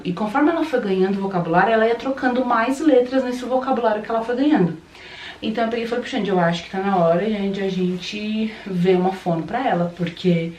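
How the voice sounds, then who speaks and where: A woman's voice: medium pitch, slight background noise. Chatty young woman in an echoey room. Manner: chatty and explanatory, frequent tag questions. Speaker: vlogger mother. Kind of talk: casual chat to camera. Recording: roomy echo, distant camera mic.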